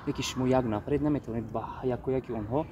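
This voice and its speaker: A man's voice: mid-range voice, steady tone, lo-fi sound. A man interviewing a guest, asking polite prompting questions. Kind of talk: casual interview. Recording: clear background noise.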